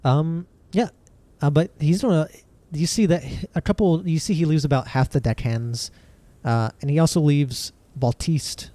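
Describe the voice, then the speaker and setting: A man's voice: on the high side, moderate pace, mellow, dry recording. A man narrating as dungeon master, rambling with fillers and restarts. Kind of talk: narrating a tabletop game.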